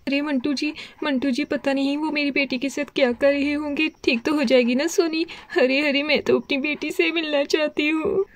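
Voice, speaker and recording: A distraught young mother in a children's doll story, voiced by a woman, pleading and reproachful. Her high voice is recorded dry and close. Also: fairly even intonation, moderate pace, hardly any pauses, no room sound, natural voice.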